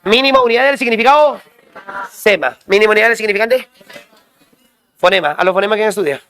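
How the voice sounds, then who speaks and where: A male teacher drilling students with quick questions and repeated call-and-response prompts. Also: sits high, sharp tone, a little hiss or hum. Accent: Peruvian Spanish. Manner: quizzing, repetitive call-and-response.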